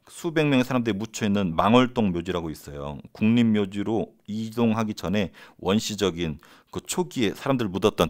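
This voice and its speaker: A man teaching history in a casual, animated lecture style, acting out quotes and crowd chants. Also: on the low side, dry recording, studio quality.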